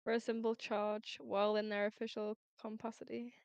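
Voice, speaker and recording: A woman from the audience asking a question in a direct, slightly halting way. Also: fairly high pitch, little pitch movement, vocal fry, a little mellow, clean tone, no echo, dull audio. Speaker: audience member. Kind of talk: casual questioning.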